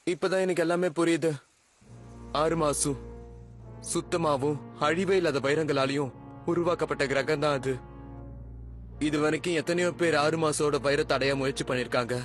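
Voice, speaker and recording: A man voicing an excitable young boy in a cartoon dub, eager and impatient. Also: a little high, moderate pace, pauses often, faint music behind, natural voice. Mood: realizing. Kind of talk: amateur cartoon dubbing.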